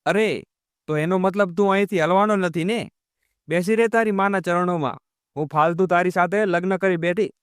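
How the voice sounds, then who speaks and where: A bitter, quarrelsome young wife who taunts her husband , voiced by a man reading the story. The voice is smooth and clear, pitched fairly high, and recorded dry and close. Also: moderate pace, dry recording, lightly acted. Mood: shouting angrily. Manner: scolding, taunting.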